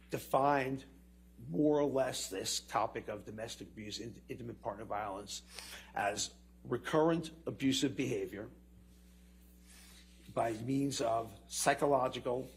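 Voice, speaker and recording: Male expert witness, courtroom recording; husky, gravelly voice, measured delivery. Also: medium pitch. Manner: measured, explanatory, lists terms one by one. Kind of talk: courtroom testimony.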